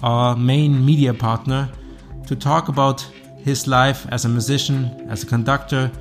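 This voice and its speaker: A man hosting a podcast, reading a measured, scripted introduction. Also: medium pitch, fairly even intonation, faint music behind. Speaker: podcast host.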